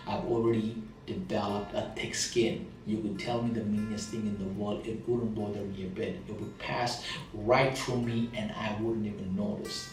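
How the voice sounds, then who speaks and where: Recorded off-mic in a very echoey room over soft guitar music, a motivational speaker with a thick Indian accent talks earnestly about his past struggles, repeating phrases to emphasize them. English isn't his first language, and his voice sits on the low side.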